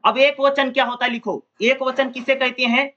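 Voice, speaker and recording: A man teaches an exam-prep lesson in a high, bright voice. He keeps asking his own questions and answering them, repeating key terms and drawing out example syllables. The audio is dull and lo-fi. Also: level tone, normal speed.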